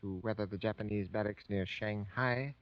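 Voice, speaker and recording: An actor playing a guarded, courteous American-born Japanese army sergeant, speaking formally and carefully in grave 1940s radio drama style. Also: male voice, lowish voice, fairly even intonation, dry recording, close to an everyday voice. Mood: guarded, polite. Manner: formal, careful, deliberate diction. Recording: dull old 1940s radio recording.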